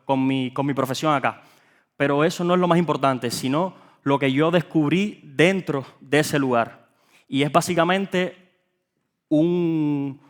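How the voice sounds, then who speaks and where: A man from Cuba with a Cuban accent, an actor talking earnestly at a panel, pausing on fillers and repeating words. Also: fairly high pitch, smooth. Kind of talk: panel talk. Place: event hall.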